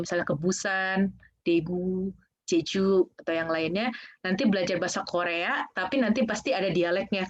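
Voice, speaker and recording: A woman guest speaker casually explaining Korean culture in an online Q&A, often saying "kayak gitu". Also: lowish voice. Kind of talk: online presentation and Q&A. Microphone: video call. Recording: dull lo-fi video call audio.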